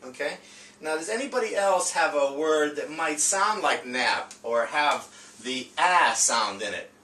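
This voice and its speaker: In an unscripted classroom reading and phonics demo, this male teacher talks in a fairly high, lively voice with a bright, forceful edge. He stumbles along, repeating words and tossing in frequent check-in tags for the listener. Sound is roomy, captured from a distant mic with a little background noise.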